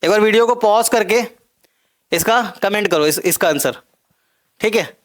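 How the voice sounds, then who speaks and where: A male chemistry teacher with a notably high voice talks through a recorded lecture. He builds each point step by step, repeats the key terms and keeps checking that his students follow. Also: moderate pace.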